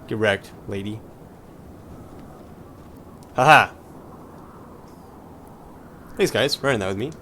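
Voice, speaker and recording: A man's voice: on the low side, quick pace, few pauses, a little hiss or hum. A man giving casual, playful gameplay commentary with jokey asides while he plays an online game with a group. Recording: loud game music behind. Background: game music.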